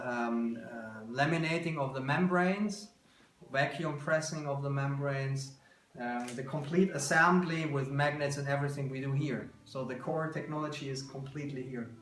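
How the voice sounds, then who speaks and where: A man in his thirties with a German accent, the company's founder, gives an informal tour of his small indoor workshop and often searches for words while explaining his work. His voice is medium-pitched and a bit bright, at a moderate pace. A handheld camera a couple of metres away captures roomy video with background noise and clicks.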